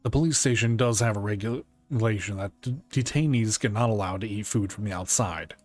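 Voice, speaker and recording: A man reading game dialogue aloud as a calm, conscientious police detective, in a serious and deliberate way. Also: on the low side, lightly acted. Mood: calm, reassuring.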